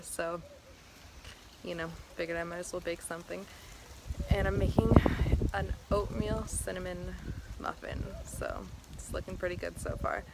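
A young woman in her twenties chatting casually to her camera in a vlog, laughing easily. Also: mid-range voice. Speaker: vlogger. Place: home and outdoors in hot weather. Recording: noisy handheld camera audio.

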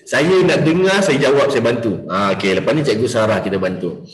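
A man's voice: mid-range voice, fairly quick, echoey room, poor audio. A Malaysian man running an interactive business coaching class, mixing English into Malay and quizzing his students by name.

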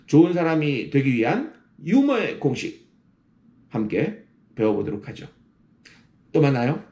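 A man giving a lively humor lecture, playfully tagging his points with a teasing "eh?". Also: on the high side, a little slow, echoey room. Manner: animated, tags lines with a teasing "eh?".

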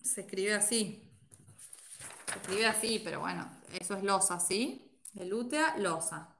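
A woman's voice: medium pitch, unhurried, vocal fry, fairly bright tone, echoey room, slight background noise. A woman teacher giving a live class lecture, explaining step by step and checking in with her students with a frequent "right?".

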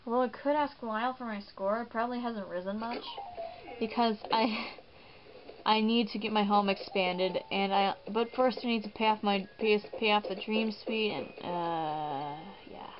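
A woman hosting a gaming video in casual, rambling commentary, often poking fun at herself. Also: mid-range voice. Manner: chatty, rambling, self-mocking. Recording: muffled, with game music behind.

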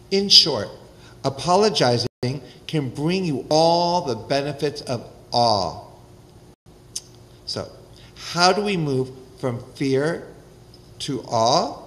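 An older man, a rabbi, preaching a sermon at a podium microphone in a synagogue, animated and wry, with lively gestures. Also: medium pitch, low-quality recording. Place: synagogue sanctuary, indoors.

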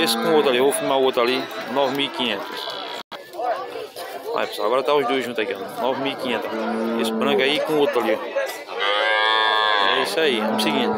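A man filming a cattle fair, asking sellers their prices and repeating them for viewers. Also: medium pitch. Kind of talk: walkabout video commentary. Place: outdoor cattle pens at a livestock fair. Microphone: handheld camera mic. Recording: loud fair crowd behind. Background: busy fair crowd chatter.

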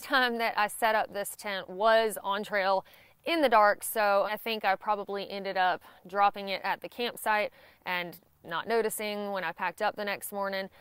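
A woman's voice: mid-range voice, no echo. A young woman with a Southern US accent, giving a scripted gear review to camera outdoors on a grassy lawn. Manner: clear, even, informative delivery.

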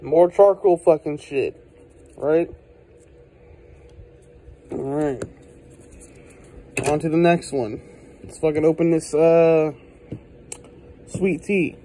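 A man's voice: on the high side, fairly even intonation, slow pace, pauses often, mellow, slight background noise. A man giving a casual, exasperated product review, blunt and swearing heavily, recorded indoors on a handheld phone. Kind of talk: casual handheld video rant. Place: indoors at a desk.

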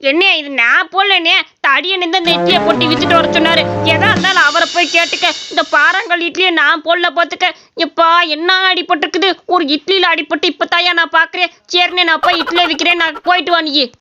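A woman's voice: extremely high pitch, steady tone, a little fast, loud music behind the voice. A woman voicing a poor, cheeky young village boy who sells idlis in a cartoon story. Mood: defensive. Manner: cheeky and scolding, village Tamil.

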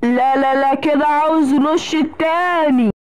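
A woman's voice: sits high, fairly even intonation, moderate pace, no room sound, natural voice, rough recording. A woman with an Egyptian accent voicing a wicked, threatening teacher in a children's cartoon. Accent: Egyptian Arabic. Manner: menacing, scolding. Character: wicked threatening schoolteacher villain.

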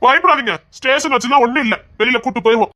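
A woman's voice: high-pitched, very fast, pushed and bright. A woman voicing a brash, threatening police officer in a family drama, speaking in a commanding way.

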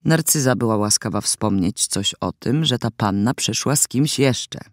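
A man's voice: medium pitch, animated, normal speed, no room sound. Guy reading a story in first person, dry close studio sound, wry and mock-serious. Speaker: audiobook narrator. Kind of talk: scripted first-person narration. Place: recording studio.

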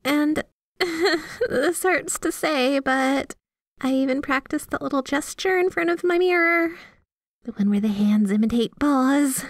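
Her voice sits high and moves a little slowly as she acts out a scripted ASMR roleplay, portraying a sweet, obsessively devoted yandere girlfriend talking to the listener. Embarrassed, she gushes, giggles, teases and slips in bashful asides. The sound is clean studio quality without echo.

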